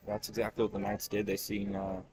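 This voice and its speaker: A man in the color commentator's seat, breaking down football plays in a relaxed, conversational way. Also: fairly low pitch, brisk, noisy background. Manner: relaxed, conversational, with fillers and restarts. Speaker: color commentator and high school coach. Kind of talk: casual analytical sports commentary.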